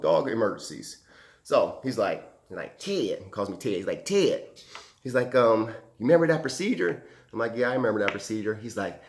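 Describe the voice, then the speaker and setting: A firefighter recounting an emergency call as a casual anecdote, acting out the people involved with lively quoted voices. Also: male voice, mid-range voice. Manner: animated, acts out quoted voices and sound effects.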